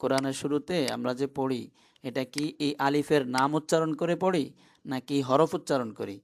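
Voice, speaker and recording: A man's voice: mid-range voice, brisk, creaky, slight background noise. A man teaching an online class, who explains step by step and keeps asking his students questions.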